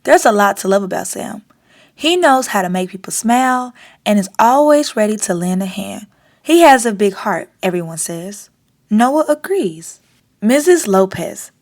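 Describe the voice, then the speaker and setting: A woman of medium pitch reads a children's picture book aloud as she hosts storytime. Her reading is expressive and deliberately paced.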